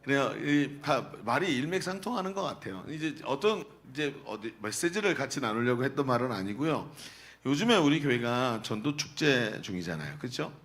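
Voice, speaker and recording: A man's voice: mid-range voice, expressive, brisk, a bit bright. Middle-aged guy pastor preaching, reads the bible then chats with the crowd, asks them stuff. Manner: reads scripture, then jokes with the congregation. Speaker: senior pastor. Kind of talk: sermon.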